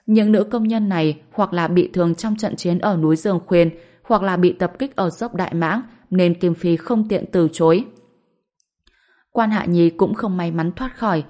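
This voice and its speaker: A woman narrating an audiobook in a steady, even storytelling manner. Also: fairly low pitch.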